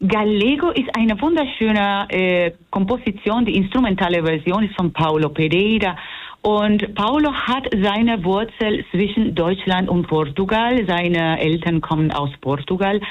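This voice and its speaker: A woman's voice: mid-range voice, measured pace. Woman, musician guest, hesitant, searching for words, muffled lo-fi sound. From Puerto Rico. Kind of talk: radio interview.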